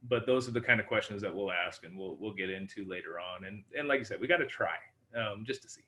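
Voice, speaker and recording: A man's voice: on the low side, fast, bright, forceful tone. A man running a governance video call, rambling and often correcting himself. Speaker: meeting organizer. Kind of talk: casual meeting discussion.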